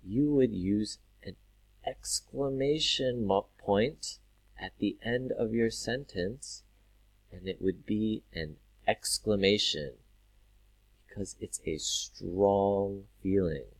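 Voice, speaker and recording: A man teaching English to learners, drawing out words carefully and breaking into loud acted exclamations. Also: lowish voice, no room sound. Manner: drawn-out, overly careful pronunciation with sudden loud acted exclamations. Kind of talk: slow, clear teaching for learners.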